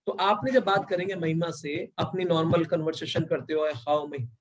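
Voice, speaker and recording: A man's voice: a little high, fairly even intonation, moderate pace, poor audio. A man running an online sales training over a video call, explaining step by step, mixing English into Hindi and checking in with "right or wrong?". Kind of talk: live online training session.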